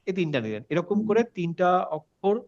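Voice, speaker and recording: A male recitation teacher runs an online class recap in a fairly high voice. He is patient and keeps checking that his students follow, slipping in English words. The call audio sounds dull and lo-fi. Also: very animated, normal speed.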